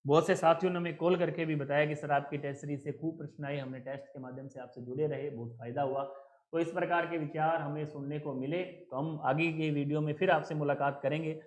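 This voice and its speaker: A man's voice: a little high, fairly even intonation, brisk, roomy sound. A male coaching teacher explaining an exam answer key, asking questions and answering them himself. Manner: asks and answers own questions, repetitive drilling.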